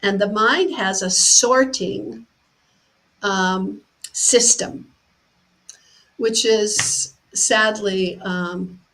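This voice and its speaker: A woman's voice: mid-range voice, extremely slow, pauses often, a bit bright, rough recording. A woman giving a personal development talk, explaining ideas through vivid second-person stories. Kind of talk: teaching talk with storytelling examples.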